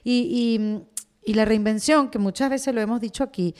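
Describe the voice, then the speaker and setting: A woman's voice: on the high side, normal speed, darkish tone. Venezuelan woman hosting a podcast. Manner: chatty, thinks aloud with fillers and restarts. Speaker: podcast host. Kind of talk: conversational podcast interview.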